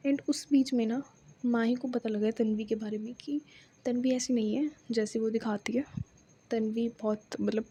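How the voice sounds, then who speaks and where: A woman's voice: on the high side, dark tone, slight background noise. A woman telling a romance story in a chatty, casual way, full of informal fillers. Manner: chatty, filler-heavy, addresses listeners informally.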